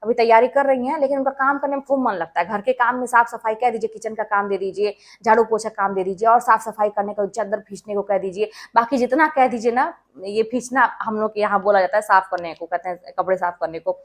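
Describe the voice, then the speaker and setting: Woman with a slightly high voice, earnest and emphatic, for an informal motivational study-tips talk. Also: brisk. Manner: earnest, emphatic, speaks directly to listeners. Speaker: schoolteacher. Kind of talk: casual advice talk to exam aspirants.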